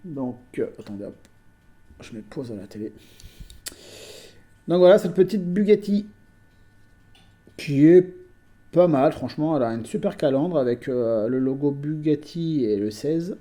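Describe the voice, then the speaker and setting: Guy chatting at home to his viewers, soft warm voice, lots of ums and restarts. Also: on the high side, animated, measured pace, pauses often. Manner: hesitant, chatty, many fillers and restarts. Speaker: collector vlogger. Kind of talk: casual chat.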